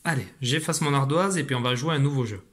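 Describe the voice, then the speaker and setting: A man's voice: mid-range voice, fast talker, fairly bright tone, slight background noise. A man teaching a reading lesson to young children over video, explaining patiently and encouraging them, recorded at a computer at home. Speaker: primary school teacher. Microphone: computer at a desk.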